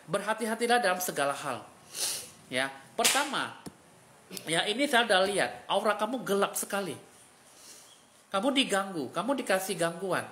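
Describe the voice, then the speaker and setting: A man's voice: high-pitched, a bit bright. Guy w a doing a live fortune reading, all dramatic and pitying. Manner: dramatic, pitying, emotional delivery. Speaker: spiritual fortune-teller.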